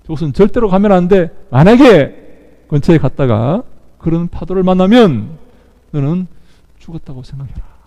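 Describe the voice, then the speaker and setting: A man's voice: a little high, expressive, moderate pace, dark tone, big-room sound. A male pastor voicing an old fisherman father earnestly warning his son.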